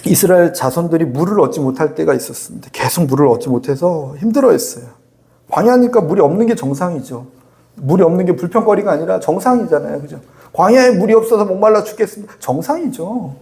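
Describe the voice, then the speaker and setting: A male pastor preaching a sermon in a high, light voice. He talks to the congregation in a chatty way, tossing out rhetorical questions and acting out people's prayers. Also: animated, fast talker, gravelly, mellow.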